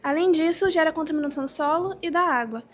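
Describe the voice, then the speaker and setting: A teenage girl giving a class presentation, hesitant and with pauses and fillers. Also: high voice. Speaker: student presenter.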